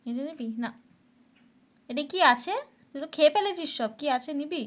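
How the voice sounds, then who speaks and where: A woman at home at night coaxing and gently scolding her pet parrot. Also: sits high, expressive, normal speed. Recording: loud background noise.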